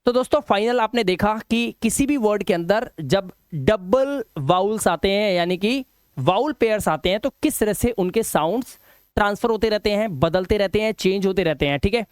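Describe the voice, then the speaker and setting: A man's voice: high-pitched, moderate pace, clean tone, no room sound, clean studio sound. A man teaching English pronunciation rules in a lesson. He asks himself questions and answers them, then drills the words.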